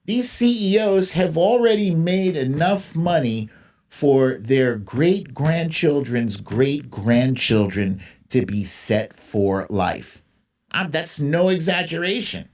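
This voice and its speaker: Hosting a livestream, a man delivers casual, opinionated political commentary, often repeating phrases to drive his points home. His voice sits on the high side with a darkish tone, and he speaks slowly and expressively in an informal, emphatic style.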